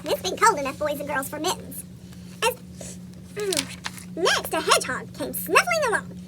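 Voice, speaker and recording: Someone voicing a chipmunk with a squeaky cartoon voice, reading a picture book aloud to children. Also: sing-song, normal speed, very noisy. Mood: chirpy storytelling. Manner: asks young listeners questions. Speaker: story reader for children.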